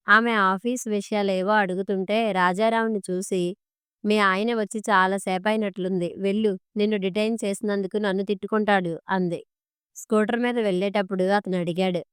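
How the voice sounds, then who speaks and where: Smooth, clear Telugu woman storyteller. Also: medium pitch, no echo, clean studio sound. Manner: reads all characters' dialogue in her own voice. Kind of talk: audiobook story narration.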